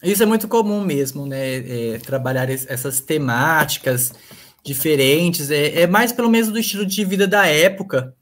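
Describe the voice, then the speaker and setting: A man's voice: on the high side, normal speed, fairly bright tone. A male literature professor giving a live online lecture over a computer mic, hesitant and full of fillers and restarts.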